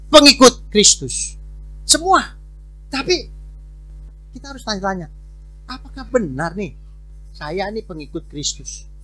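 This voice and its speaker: A male pastor delivering a conversational sermon, his tone bright and clear. He talks plainly to the congregation, repeats words and moves between loud stretches and hushed ones. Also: high voice, dry recording. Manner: informal preaching, repeats words, swings between loud and soft.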